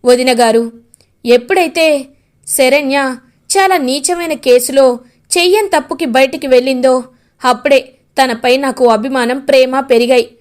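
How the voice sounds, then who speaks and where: A calm, sincere young man, as a woman narrator puts him on, speaking plainly and earnestly. The voice stays high and even. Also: lightly acted. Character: reformed young man, Darshan.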